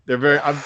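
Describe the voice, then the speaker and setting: Lively laughing man telling stories. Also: high-pitched, highs cut off, slight background noise. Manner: laughs often, tells stories animatedly. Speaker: podcast co-host. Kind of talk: casual chat.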